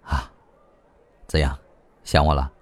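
A man reading a novel aloud, voicing a tired man who talks low and sighs through teasing endearments. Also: little pitch movement, slow pace, no echo, heavily acted. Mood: weary teasing.

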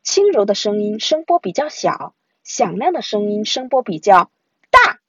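A woman's voice: high-pitched, big pitch swings, moderate pace, husky, dry recording, dull audio, pitched above the performer's own voice, exaggerated voice. A woman voicing a confident big sister in a storybook, who explains things in a bossy, reassuring way.

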